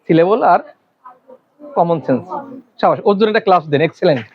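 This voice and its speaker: High-voiced man lecturing a class. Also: animated, phone-quality sound. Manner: quizzing the class with rapid questions. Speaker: teacher.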